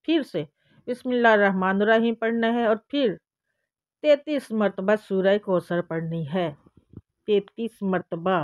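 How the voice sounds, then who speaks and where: A woman's voice: mid-range voice, dry recording, lo-fi sound. A woman with a Pakistani Urdu accent hosting a religious channel, explaining a devotional routine step by step and speaking straight to her viewers. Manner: addresses viewers directly, repeats instructions step by step. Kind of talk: instructional religious talk.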